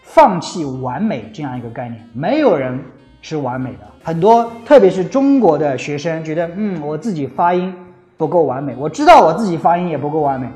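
A man's voice: fairly high pitch, very animated, a little fast, warm tone. A middle-aged man from China giving earnest, casual advice on learning English, often slipping English phrases into his talk. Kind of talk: casual spoken lesson. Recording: faint music behind.

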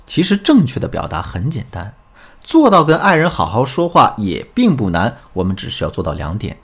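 A man's voice: mid-range voice, wildly swooping pitch, fairly quick, a bit bright, breathy edge. A middle-aged man hosting a relationship advice talk, explaining in an instructive storytelling way.

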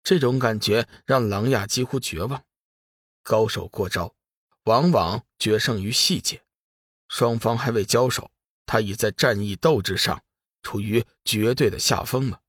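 A man narrating a serialized fantasy novel with a steady storytelling delivery. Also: on the low side, unhurried, breathy edge, dry recording, clean studio sound.

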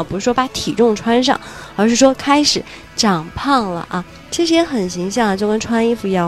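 A woman teaching spoken English, explaining phrases and slowly drilling pronunciation word by word. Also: medium pitch.

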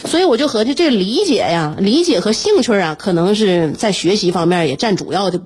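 A middle-aged woman with a slightly husky voice, hosting a show with humorous, colloquial anecdotes. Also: mid-range voice, lively intonation, a little fast, darkish tone. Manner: colloquial, often laughing as she talks. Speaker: radio show host. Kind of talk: humorous anecdotal casual chat.

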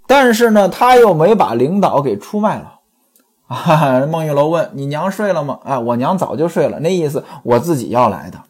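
Lively male storyteller, chatty. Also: fairly high pitch, breathy edge. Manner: chatty, addresses listeners directly. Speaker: storyteller and commentator. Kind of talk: storytelling commentary on a classic novel.

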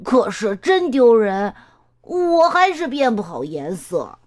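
A woman voicing a fretful male chameleon in a children's storybook, whining in a slow, drawn-out way. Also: a little high, sing-song, a little mellow, heavily acted. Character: fretful male chameleon who cannot change color. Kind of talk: storybook character voice.

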